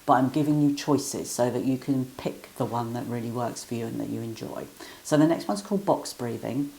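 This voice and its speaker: A woman teaching guided breathing exercises in a gentle, encouraging, step-by-step way. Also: very deep voice, a little fast, slight background noise, rough recording.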